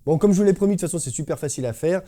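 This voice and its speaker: Upbeat male drum teacher, slightly high voice. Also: lively intonation, rapid-fire, warm tone. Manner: enthusiastic and slangy, vocalizes drum fills with syllables. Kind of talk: casual video drum lesson. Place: drum studio. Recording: drum music playing behind the voice.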